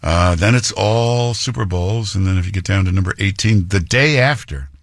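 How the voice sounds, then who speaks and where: A radio talk show host speaks in a fairly low voice, opinionated and punchy, dropping fillers as he goes. The studio sound is dry and close. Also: normal speed, no echo. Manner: conversational, punchy, with frequent fillers. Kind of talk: opinionated monologue.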